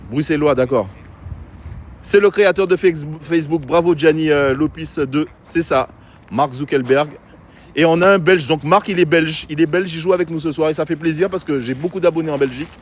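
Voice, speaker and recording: A man's voice: a little high, fairly quick. A man giving chatty live commentary on a pétanque game outdoors, talking straight to his viewers. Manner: chatty, addresses viewers directly. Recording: faint street noise outdoors.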